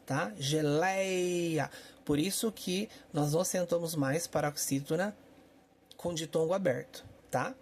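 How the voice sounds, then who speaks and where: A man's voice: a little high, darkish tone, breathy edge. A man teaching a Portuguese grammar lesson for exam prep, explaining step by step and checking in with his students.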